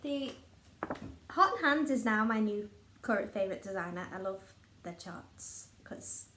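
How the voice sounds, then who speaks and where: A woman's voice: mid-range voice, animated, measured pace, sharp tone, reverberant, a little hiss or hum. A young woman with a Liverpool accent, chatting casually and teasing as co-host of a home stitching video. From Liverpool, England. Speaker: flosstube co-host. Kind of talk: casual chat.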